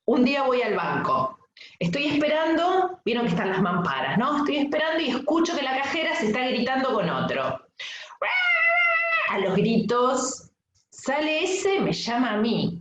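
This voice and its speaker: A middle-aged woman coach with an Argentine accent, teaching a webinar in a lively, anecdotal way and often asking "¿sí?" to check in with her listeners. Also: high voice, normal speed, a loud crowd. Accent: Argentine Spanish. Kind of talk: webinar lesson. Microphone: video call mic. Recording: echoey room, dull lo-fi sound.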